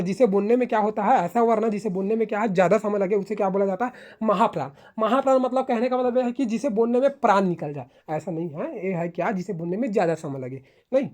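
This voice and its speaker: A woman's voice: mid-range voice, darkish tone. Woman teaching grammar, drilling syllables aloud. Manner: keeps asking herself rhetorical "what is it" questions; sounds out syllables one by one for students. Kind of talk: spoken classroom lecture.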